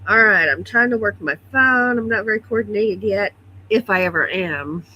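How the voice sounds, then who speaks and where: A woman runs a laid-back morning livestream from her computer at home, reading viewer comments and greeting each person individually, her voice a bit stuffy. She speaks in a mid-range voice at a moderate pace. The highs are cut off, and there's a slight hiss or hum.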